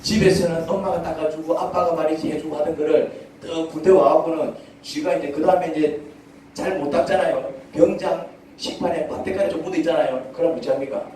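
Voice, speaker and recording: A man's voice: on the high side, steady tone, fairly quick, dark tone, heavy reverb, recorded from a distance, slight background noise, rough recording. A male pastor preaching a sermon in a church, speaking conversationally and asking the congregation many questions. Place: church sanctuary.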